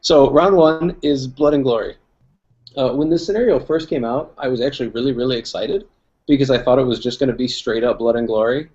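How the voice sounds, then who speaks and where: A man's voice: medium pitch, fairly quick, darkish tone. A young man co-hosting a casual chat, talking in a loose, rambling way with many fillers. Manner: rambling, filler-heavy, laughing. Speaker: co-host. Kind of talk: casual chat about tabletop wargaming. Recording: dull lo-fi recording.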